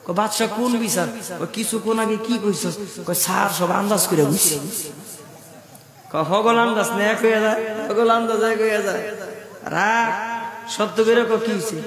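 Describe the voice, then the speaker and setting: A man with a very high voice and a preaches a storytelling sermon. He climbs into shouted, ringing peaks and then drops back to hushed asides. His voice echoes through a big reverberant space, and a crowd can be heard behind him. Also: normal speed.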